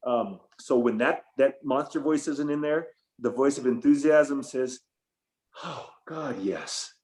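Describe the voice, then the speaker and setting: A man's voice: medium pitch, steady tone, a little slow, darkish tone. A middle-aged man speaking as an interview guest over a video call, enthusiastic and reflective, with fillers and restarts. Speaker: guest, photographer and former tour business owner. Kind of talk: casual interview talk.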